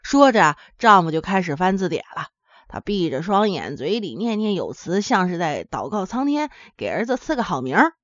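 A woman's voice: fairly low pitch, moderate pace, no room sound. Woman storyteller from Henan, chatty, sing-song delivery; dull, dry lo-fi sound. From Henan, China. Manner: lively, chatty, addresses listeners directly. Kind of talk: folksy comic storytelling.

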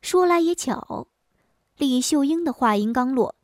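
A woman narrating a traditional folk story in a lively, expressive way. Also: high-pitched, unhurried, dry recording, studio quality.

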